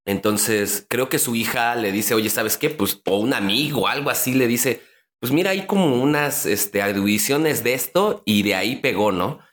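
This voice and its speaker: A man's voice: mid-range voice, expressive, normal speed, fairly bright tone. A man from Iztapalapa with a strong chilango accent, co-hosting a podcast, explaining a film with keen, slangy enthusiasm. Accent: chilango Mexico City Spanish. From Iztapalapa, Mexico City. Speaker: podcast co-host. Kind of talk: casual podcast chat.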